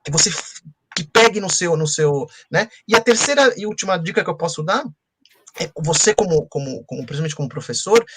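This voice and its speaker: A children's author chats on a webinar. He talks quickly in an animated storytelling way and often restarts his phrases. His voice sits fairly high, and the video call carries clear background noise. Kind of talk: casual webinar talk. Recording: noisy video call audio.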